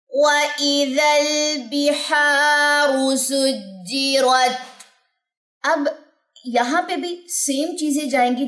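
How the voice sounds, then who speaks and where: A woman with a Pakistani Urdu accent teaching Quran recitation, explaining each sound step by step and then chanting the verses in a long drawn-out melody. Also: fairly high pitch. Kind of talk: tajweed lesson with recitation.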